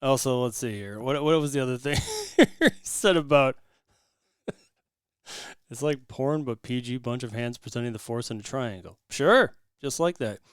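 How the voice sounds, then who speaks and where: A man's voice: mid-range voice, lively intonation, unhurried, smooth, no room sound, studio quality. A man hosting a casual podcast, laughing often and talking loosely with restarts. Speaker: podcast host.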